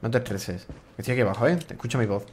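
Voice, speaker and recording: A man's voice: mid-range voice, racing, background noise. A man doing casual, joking gameplay commentary, swearing freely and talking to the characters on screen. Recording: game music playing behind.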